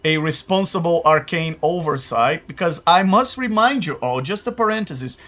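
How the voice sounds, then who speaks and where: A man's voice: a little high, animated, normal speed, fairly bright tone. Chatty man hosting a tabletop game. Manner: chatty, hesitant with many fillers, laughing asides. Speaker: game master. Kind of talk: live-play host introducing players.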